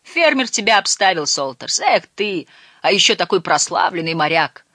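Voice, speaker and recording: A reader voicing a loud former navy sailor who calls out counts and jokes. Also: medium pitch, sing-song, moderate pace, no room sound, studio quality, full character voice. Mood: boisterous.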